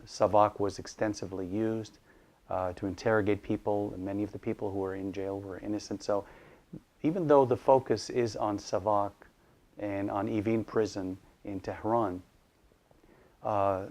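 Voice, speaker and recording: A middle-aged man from Iraq, an author and educator, talks in a somewhat low voice. He speaks slowly and thoughtfully, stopping often with ums and restarts as he explains things in an interview. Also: a little mellow. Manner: thoughtful, hesitant with many fillers and restarts. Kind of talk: casual interview monologue.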